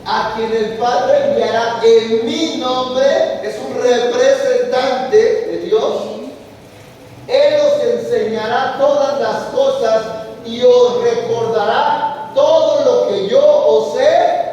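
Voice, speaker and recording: A man's voice: extremely high pitch, steady tone, takes it slowly, a little mellow, a little hiss or hum. A man preaching a sermon as pastor, with emphatic rising and falling delivery, recorded from a distance in a large church hall. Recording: echoey hall heard from a distance.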